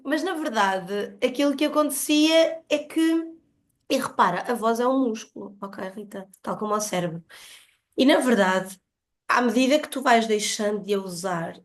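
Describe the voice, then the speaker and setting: A woman with a European Portuguese accent and medium-pitched voice appears as a podcast guest. She explains her personal experiences earnestly, emphatically, and reflectively.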